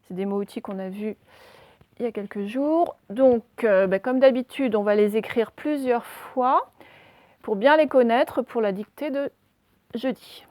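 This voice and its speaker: A woman leads a dictation lesson and breaks each word into syllables and letters. Her voice sits fairly high. The recording is dry and close, with no room sound. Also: a little mellow, no echo. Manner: slow, spelling out words letter by letter. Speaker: primary school teacher.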